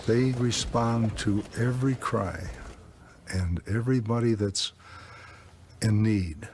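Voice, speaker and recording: A man speaking in a deliberate, halting way in an interview. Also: lowish voice, a little mellow, a little hiss or hum.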